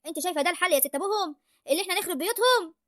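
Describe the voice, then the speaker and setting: امرأة تؤدي دور حماة ريفية مشاكسة بلهجة ريفية مصرية، تتكلم بسرعة شديدة وبنبرة عالية لاذعة في اسكتش كوميدي. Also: female voice, very high voice, animated, a bit bright, dry recording, studio quality. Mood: scolding. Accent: rural Egyptian. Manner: scolding, argumentative, fast. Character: sharp-tongued rural mother of the brides. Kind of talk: comic village sketch.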